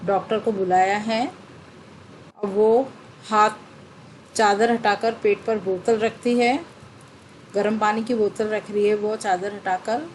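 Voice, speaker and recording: A woman's voice: medium pitch, fairly even intonation, slight background noise, poor audio. A woman teacher reading a textbook play aloud to children, stopping to explain the scenes and give them tasks. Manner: slow, explanatory, addresses the children directly.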